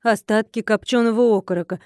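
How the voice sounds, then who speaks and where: A woman's voice: fairly high pitch, steady tone, a little fast, darkish tone, dry recording, lightly acted. Woman reading a cranky penny-pinching innkeeper lady, grumbles a lot, dry close sound. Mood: grumbling. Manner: grumbling, indignant. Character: grumbling stingy middle-aged female innkeeper. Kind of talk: audiobook character voice.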